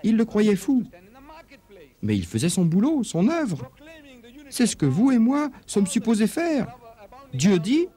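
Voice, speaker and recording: A man preaching in a dubbed religious lecture, emphatic, asking rhetorical questions, his pitch swinging up and down. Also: huge pitch swings, measured pace, long pauses, dark tone.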